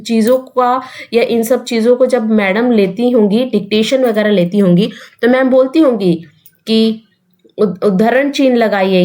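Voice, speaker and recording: A woman's voice: fairly high pitch, a little mellow. A young woman teaching an exam-prep grammar lesson, explaining step by step and asking rhetorical questions.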